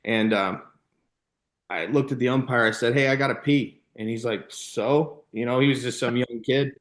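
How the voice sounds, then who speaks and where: An American man in his thirties from Illinois, a former baseball player and youth coach, guests on a podcast and shares anecdotes casually. He rambles loosely, peppering his stories with "you know" and "like," in a mid-pitched voice at a moderate pace.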